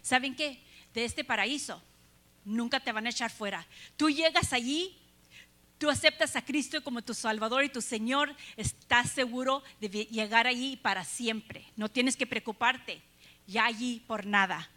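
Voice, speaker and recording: Woman preacher, high bright voice, earnest sermon with rhetorical questions. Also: unhurried.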